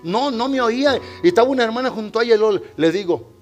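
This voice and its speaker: A male pastor preaching a sermon in a church, swinging between loud exhortation and quiet storytelling. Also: very high voice, animated, fast, soft background music.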